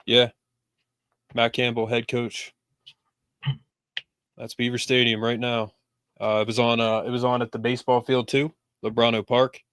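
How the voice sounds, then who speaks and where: A man's voice: medium pitch, little pitch movement, normal speed, pauses often, a bit bright, clear, resonant tone, dry recording, clean studio sound. A man hosting a casual sports podcast, talking loosely with lots of fillers. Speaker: podcast host.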